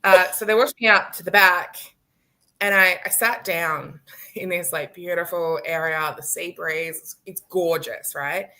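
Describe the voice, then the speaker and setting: A woman in her late thirties with a low-set, bright, forceful voice, telling a personal story over a video call. She talks animatedly, laughs often and acts out what people said. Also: steady tone, unhurried. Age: late 30s. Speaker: guest. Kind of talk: storytelling in a live-stream chat.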